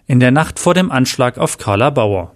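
A man's voice: medium pitch, expressive, moderate pace. Man reading a horror story aloud.

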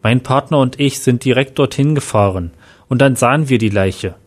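A man's voice: mid-range voice, normal speed, close to an everyday voice. A man voicing a shaken male police inspector recounting events earnestly.

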